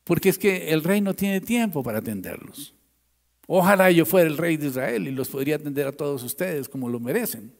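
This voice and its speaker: A preacher acting out an ambitious young prince who sweet-talks the people, with a coaxing, ingratiating delivery and a raised pitch. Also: male voice, animated, brisk, gravelly.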